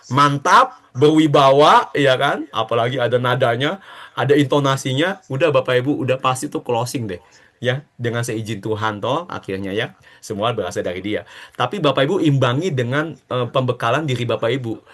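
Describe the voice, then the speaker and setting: A man giving a lively motivational talk to network marketing members, urging them on and acting out short dialogues. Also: medium pitch. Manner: animated and exhortative, acting out quick dialogues.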